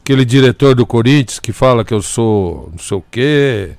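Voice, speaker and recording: A man's voice: mid-range voice, lively intonation, moderate pace, a crowd in the background. A Brazilian man bantering about sport as a radio show regular, colloquial and blustering, often repeating himself.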